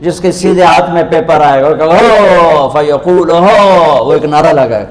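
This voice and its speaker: A man's voice: fairly high pitch, a crowd in the background. Male preacher in an echoey hall. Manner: emphatic storytelling with sudden rises and drops in loudness. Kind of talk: sermon. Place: large hall with a live audience.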